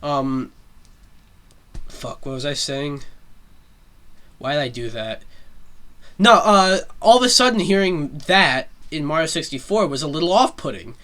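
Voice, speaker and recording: A man's voice: fairly high pitch, big pitch swings, a little slow, long pauses, sharp tone. A man hosting a solo show, giving casual pop-culture commentary in a rambling way, with lots of fillers and frequent swearing. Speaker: solo talk show host.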